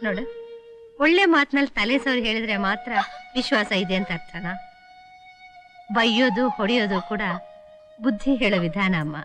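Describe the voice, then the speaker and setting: A woman's voice: medium pitch, moderate pace, pauses often, lightly acted. An actress playing a middle-aged mother who scolds her son and consoles her daughter-in-law, firm but caring. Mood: lecturing. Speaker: film character. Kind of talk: melodramatic film acting. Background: film score music.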